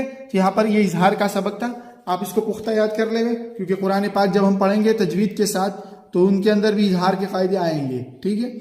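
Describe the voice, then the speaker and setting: A man teaching a Quran reading lesson. He explains a rule, recites the example words slowly and checks in with the learner. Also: high-pitched, darkish tone. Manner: asks "ठीक है?" to check the learner. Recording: echoey room with long reverb.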